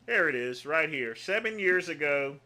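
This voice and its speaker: A man's voice: fairly high pitch, animated, normal speed, pushed and bright. A man from North Carolina hosting a casual livestream, talking in a loose, rambling way with self-mocking asides. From North Carolina, USA. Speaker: livestream host.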